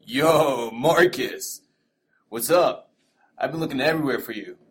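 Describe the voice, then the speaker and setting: A man's voice: mid-range voice, unhurried, fairly bright tone, lightly acted. A man playing a pushy young frat guy. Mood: pleading. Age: young adult. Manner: casual slangy, wheedling. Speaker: character in an audio story. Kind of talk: audio drama acting.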